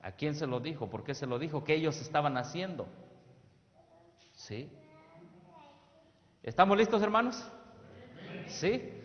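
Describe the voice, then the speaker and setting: Emphatic preacher in an echoing hall. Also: male voice, a little high, lively intonation, measured pace, pauses often. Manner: emphatic, asks the audience questions and has them answer. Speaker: youth ministry presenter. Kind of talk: sermon-style presentation. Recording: reverberant hall, dull lo-fi sound.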